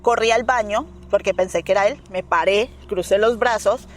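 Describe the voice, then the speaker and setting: A woman's voice: mid-range voice, moderate pace, slight background noise. Colombian woman telling a story with animation. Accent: Colombian Spanish. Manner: animated storytelling, acting out quoted dialogue, frequent "¿me entiendes?". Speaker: interview guest. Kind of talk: recounting a personal paranormal experience.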